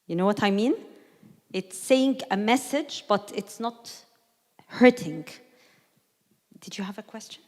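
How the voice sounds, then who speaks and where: A woman's voice: medium pitch, measured pace, long pauses, a little mellow. A woman leading a talk with an audience, teaching conversationally, acting out quoted voices and putting questions to the room. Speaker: speaker leading a workshop. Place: church hall. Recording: long hall reverb.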